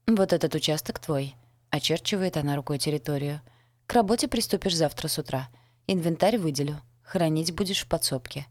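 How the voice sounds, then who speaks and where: Low-voiced woman narrating wryly. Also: no room sound, studio quality. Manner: wry, ironic storytelling. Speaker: audiobook narrator. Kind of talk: first-person novel narration.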